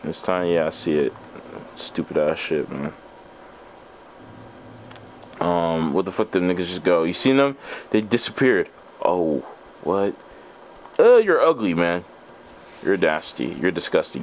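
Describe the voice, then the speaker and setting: A man streaming a game live, heckling and cursing at the players he runs into. His voice sits fairly low but swings widely in pitch, and he talks at an unhurried pace with loose, casual slang. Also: expressive, a little hiss or hum. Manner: profane trash-talking at opponents. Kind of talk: live gameplay commentary.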